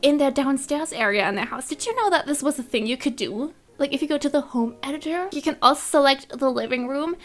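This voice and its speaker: A bubbly young woman with a high, bright-pitched voice chatters excitedly through her casual gameplay commentary, giggling often. Faint music plays underneath. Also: a little fast, hardly any pauses. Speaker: gaming YouTuber.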